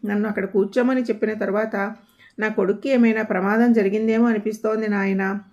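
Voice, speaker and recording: A woman voicing a gentle, trusting elderly mother who pleads softly, on a dull lo-fi recording. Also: medium pitch, steady tone, fairly quick, close to an everyday voice. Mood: pleading. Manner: pleading, soft-spoken. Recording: dull lo-fi audio.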